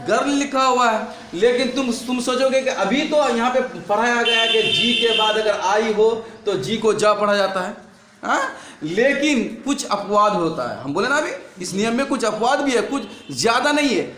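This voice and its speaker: A male teacher with a very high voice works through a lesson in front of a board. He keeps asking his class questions and repeating the answers back. The sound rings around a roomy, echoey classroom. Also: animated, unhurried, fairly bright tone, slight background noise.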